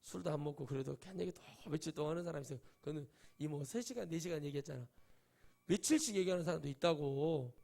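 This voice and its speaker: Male pastor, gravelly tone, mid-high voice, conversational sermon with acted-out quotes. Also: fast. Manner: conversational, acts out quoted voices, swings between loud and hushed. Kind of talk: Sunday sermon with storytelling.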